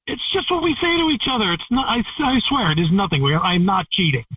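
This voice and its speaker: A man with a high, husky voice comes through a thin, tinny phone line, sounding a little distant from the receiver. He keeps stammering out defensive denials, restarting his sentences as he tries to explain himself. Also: big pitch swings, fast talker, dry recording. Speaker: caller being confronted on a radio prank call. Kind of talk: phone call on a radio show.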